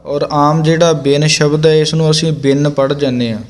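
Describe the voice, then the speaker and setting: A man teaching scripture recitation, calmly explaining pronunciation line by line and sounding out words slowly and deliberately. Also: a little high, long reverb tail.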